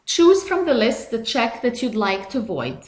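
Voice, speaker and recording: A woman explains a software tutorial step by step at a slow pace, her fairly high voice making big pitch swings. She keeps a measured, instructional delivery in a recording that sounds roomy and echoey.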